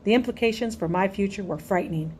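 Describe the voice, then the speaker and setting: A woman narrating a first-person audiobook in an even, storytelling delivery. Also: mid-range voice, quick pace, slight background noise.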